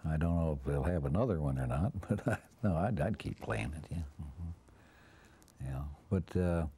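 A man's voice: a bass voice, animated, measured pace, background noise. An older man in a casual interview, speaking in a chuckling, self-deprecating way.

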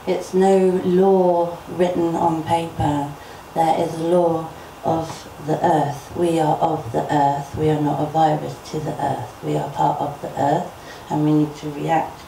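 A woman telling folk tales in an unhurried, earnest way. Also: sits low, flat delivery, gravelly, warm tone, a little hiss or hum. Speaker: storyteller. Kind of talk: oral folk storytelling. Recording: roomy, voice from a distance.

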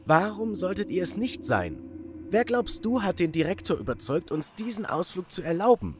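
A man voicing a scheming, mocking teenage girl who leads a gang, in an animated storytime video. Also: high voice, moderate pace, voice pushed up. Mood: gloating. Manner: gloating, commanding.

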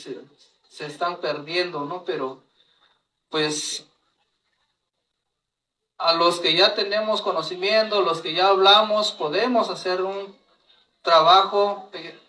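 A man giving a language lesson, spelling out words slowly, each followed by its translation. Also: high-pitched, pushed and bright, reverberant, recorded from a distance, poor audio. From Mexico. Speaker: teacher of Mixtec.

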